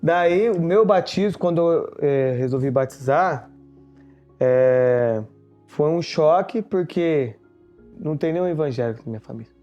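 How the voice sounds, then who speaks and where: A man telling his personal testimony in an interview, halting and searching for words. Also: fairly high pitch, lively intonation, mellow, lo-fi sound, soft background music. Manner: halting, many fillers and restarts.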